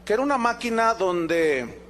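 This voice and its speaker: High-voiced pastor preaching. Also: male voice, moderate pace. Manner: animated, quizzing the congregation with rhetorical questions. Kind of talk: sermon.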